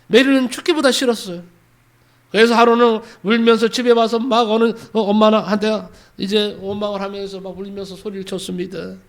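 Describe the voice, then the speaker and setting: A man's voice: high voice, steady tone, fairly quick. A male pastor preaching a sermon, who tells a story and leads the congregation in repeating phrases after him.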